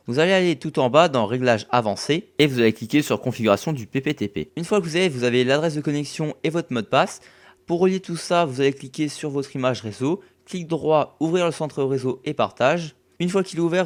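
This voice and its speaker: Man, tutorial voice-over, relaxed, step-by-step, mid-pitched voice. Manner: relaxed, step-by-step instructions with fillers. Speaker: tech YouTuber. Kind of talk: screen-recording tutorial voice-over.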